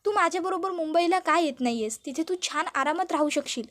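A woman voicing a stubborn young man who begs his mother to calm down and eat, in a soap recap. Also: extremely high pitch, quick pace, voice pushed up. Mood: pleading, insistent. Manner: coaxing, pleading, repeats please.

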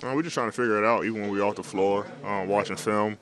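A young man speaks in a deep voice that hardly rises or falls, answering questions after a game. He talks in a laid-back way, with many fillers and restarts. He is recorded in a locker room with several handheld reporter mics held up to him. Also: steady tone, quick pace, fairly bright tone. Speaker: basketball player at postgame interview. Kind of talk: postgame press interview.

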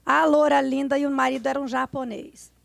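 A woman from Brazil, a podcast guest, telling frank, animated stories in casual conversation. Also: high voice, brisk, gravelly, no echo. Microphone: studio podcast mic.

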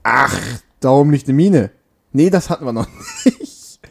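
A man's voice: medium pitch, expressive, measured pace, gravelly, a little hiss or hum. A man giving casual, joking commentary while he plays a video game at home on a makeshift mic, scolding his character now and then. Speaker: let's play gamer. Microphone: makeshift home mic setup.

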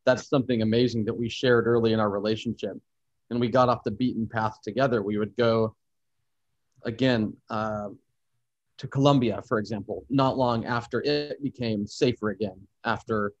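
A man's voice: on the low side, fairly even intonation, moderate pace, no echo. A man recounts his travels in a thoughtful, expansive manner. His voice sits in an ordinary middle register, heard over a muffled, slightly dull line. The sound is dry, with no room around it. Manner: thoughtful, expansive, speaks of cultural experiences warmly. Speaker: podcast guest, traveler and photographer. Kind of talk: reflective storytelling in conversation.

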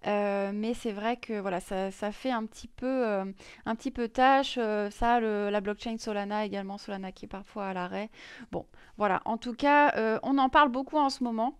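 A woman's voice: medium pitch, moderate pace, smooth, no echo, studio quality. A woman presenting crypto news in a casual screen-share explainer, chatty and full of hesitations. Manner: many fillers and restarts, chatty.

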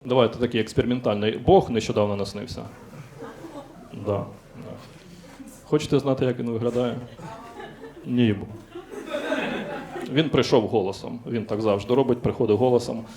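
A man's voice: medium pitch, steady tone, normal speed, pauses often, warm tone. A man performing a stand-up comedy set on stage, blunt and crude, acting out dialogue in his punchlines. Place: comedy stage in front of a live audience. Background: background music track.

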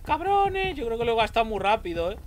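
A young man from Spain with a Spanish accent, streaming a game and talking through it, excitable and swearing often. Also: high voice, racing, a little hiss or hum. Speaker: gameplay streamer. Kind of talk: let's play commentary. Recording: game music playing behind.

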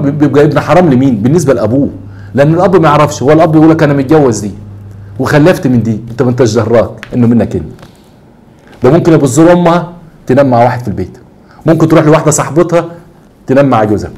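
A rapid-fire man with an Egyptian accent tells a case story as a talk show host. His voice sits a little high for a man. He keeps throwing rhetorical questions and repeating his points for emphasis. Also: a little mellow. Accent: Egyptian Arabic. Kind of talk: storytelling monologue on a social case.

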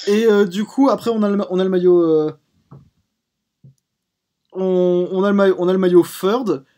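A man's voice: sits high, fairly even intonation, normal speed, dark tone. A man hosting a live stream, chatting casually and drifting into digressions. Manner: rambling, prone to digressions. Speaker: streamer host.

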